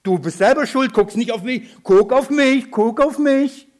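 A man's voice: high-pitched, measured pace, darkish tone. A man voicing a savior who scolds in an emphatic, insistent way. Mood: scolding. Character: Jesus, mocked as a scolding stern savior.

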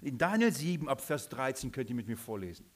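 A man's voice: medium pitch, big pitch swings, a little fast. A man preaching a sermon, emphatic, repeating his points and asking the listeners questions.

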